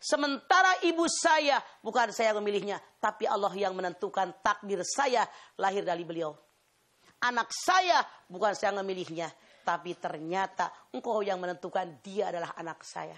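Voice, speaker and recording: A woman's voice: mid-range voice, lively intonation, moderate pace, a bit bright. A woman voicing a young male student who earnestly explains his choice in a sermon story. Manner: earnest, pleading.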